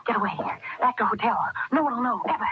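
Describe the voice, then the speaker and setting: In a muffled, very noisy old radio recording, an actress plays a panicked, dazed woman murderer in 1940s radio horror style. Her natural voice runs high and fast as she mutters in breathless fragments.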